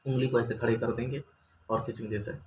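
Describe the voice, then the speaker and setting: A man's voice: mid-range voice, level tone, quick pace, darkish tone. A man teaching a step-by-step recorded lesson, patiently asking questions and answering them himself. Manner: patient, asks questions then answers them, drawls example sounds. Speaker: Quran reading teacher. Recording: roomy echo, faint ambient noise.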